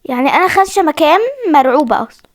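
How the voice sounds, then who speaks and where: Playing a horror game on camera, a young woman chats away to her audience in Egyptian Arabic-accented speech, repeatedly saying she's scared. Her high voice moves with lively intonation at a fast clip. There's no echo, just clean studio sound.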